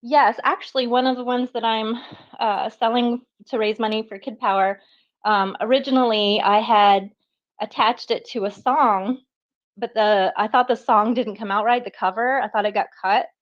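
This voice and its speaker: Appearing as a guest artist in a casual chat on a live audio space, a woman talks with lively, self-mocking energy, laughing a lot and slightly breathless. Her voice sits a little high at a moderate pace, and the highs are cut off.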